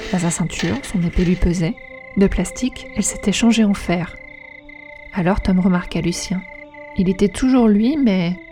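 A woman narrating a story aloud in an even, dramatic telling. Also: lowish voice, vocal fry. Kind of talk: storybook reading.

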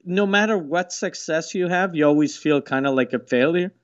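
A man's voice: on the high side, moderate pace, smooth, highs cut off. A man chatting casually on a podcast, blunt and profane. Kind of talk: casual chat.

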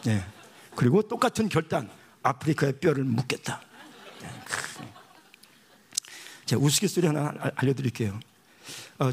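A male missionary pastor with a slightly high, somewhat rough voice preaches a sermon. He tells a funny anecdote as an animated storyteller, acting out the dialogue.

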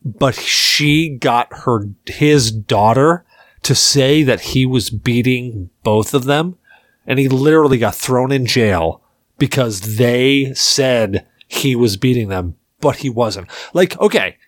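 A man's voice: medium pitch, slow, no room sound, clean studio sound. A man in his forties hosting a podcast, telling rambling stories in loose casual chat and swearing freely. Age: 40s. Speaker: podcast host.

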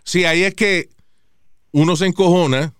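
A man hosting a podcast in a casual, animated way, swearing freely and switching between Spanish and English. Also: high-pitched, normal speed, clean tone, no room sound, studio quality. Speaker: podcast host. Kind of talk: casual chat.

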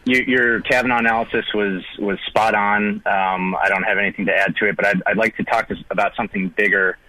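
A man's voice: on the low side, fairly even intonation, fairly quick, bright, forceful tone, dry recording, rough recording. A man, calling in to a radio show and explaining earnestly with many fillers. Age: 30s. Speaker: caller.

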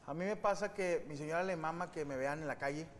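A man with a slightly raised voice riffs crudely through a casual comedy chat. He acts out relatives in quick put-on voices. The room rings with long reverb over a faint hiss. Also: on the high side. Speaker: podcast co-host.

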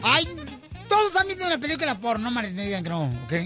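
A man's voice: extremely high pitch, big pitch swings, fast talker, pushed and bright, faint music behind. A man hosting a radio show, firing off teasing, bawdy wisecracks. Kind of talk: joking radio banter.

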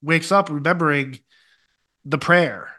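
A man's voice: a little high, a little slow, sharp tone. A man co-hosting a podcast, telling a personal story in casual, emphatic, colloquial speech. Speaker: podcast co-host.

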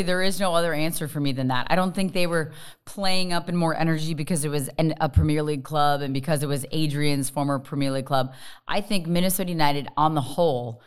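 A woman's voice: low voice, clear, resonant tone. A woman talking casually as a co-host and pundit on a sports podcast.

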